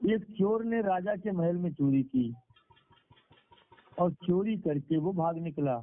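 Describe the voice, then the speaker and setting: A male preacher with a higher voice gives a devotional sermon with moral storytelling over a conference call. He speaks slowly and repeats phrases for emphasis, and the telephone line sounds tinny.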